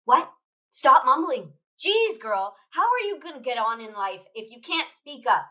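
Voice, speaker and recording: A bitter, crass middle-aged mother, played by a woman, nags and scolds her children in a student radio play. Her voice is bright and pitched a little high. She speaks slowly, with sarcasm in every line. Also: big pitch swings, full character voice, rough recording. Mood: scolding.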